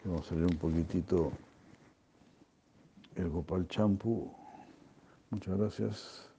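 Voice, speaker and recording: A man leading a scripture class, reading and explaining slowly and haltingly, with many fillers and soft chuckles. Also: low-pitched, fairly even intonation, a little hiss or hum. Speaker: spiritual teacher.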